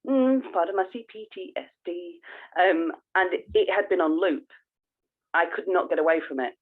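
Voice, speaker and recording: On tinny, phone-like call audio, a podcast co-host talks casually at normal speed in a lowish voice. She comes across as earnest and effusive.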